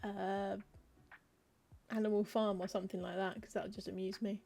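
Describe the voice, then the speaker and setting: A woman streams a cozy game and chats casually, muttering her way through lists of book titles, reading the game text aloud and tossing in wry asides. Her voice is medium-pitched and warm, with a creaky texture, a flat delivery and a moderate pace.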